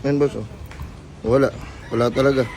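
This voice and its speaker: A man playing a street vendor in a comedy skit, answering with quick, defensive comebacks. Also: mid-range voice, fairly even intonation, darkish tone, slight background noise.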